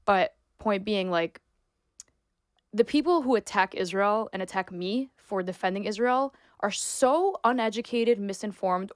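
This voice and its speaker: Guesting on a podcast, this sports reporter and influencer from New York, in her twenties, chats casually and emphatically, voicing strong opinions and scattering "like" throughout. Her mid-pitched voice is captured close, dry, and echo-free.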